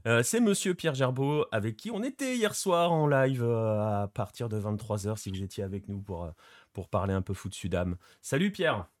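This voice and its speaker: A man's voice: lowish voice, lively intonation, moderate pace, no room sound, studio quality. A man hosting a casual football show, rambling with many fillers and still with a sore throat after an illness. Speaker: host.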